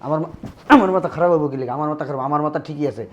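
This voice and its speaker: A man's voice: fairly high pitch, rapid-fire, muffled recording, natural voice. A man playing a domineering older brother who scolds and dismisses his younger brother. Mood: scolding.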